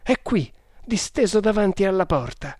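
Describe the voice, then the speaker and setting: A man's voice: high voice, sing-song, moderate pace, darkish tone, no room sound, studio quality, voice pushed up. A man voicing a Maratha servant who sounds alarmed and urgent in a storybook reading. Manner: urgent, raised, questioning.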